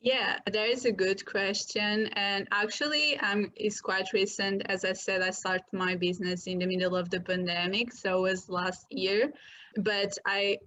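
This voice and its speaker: A woman's voice: mid-range voice, steady tone, a little slow, bright, forceful tone, a little hiss or hum. A woman, a guest talking casually about her work in loose, upbeat phrasing. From Portugal. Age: 20s. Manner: upbeat, loose non-native phrasing with fillers. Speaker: guest, marketing agency founder. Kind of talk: casual interview conversation. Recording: dull lo-fi sound.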